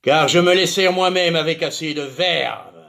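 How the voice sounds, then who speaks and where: A man's voice: on the high side, unhurried, vocal fry, pushed and bright, heavily acted. A man playing a proud, mocking swordsman-poet, declaiming a verse monologue like a hammy stage actor, constantly shifting tone. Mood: scornful, proud. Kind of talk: theatrical verse monologue recitation.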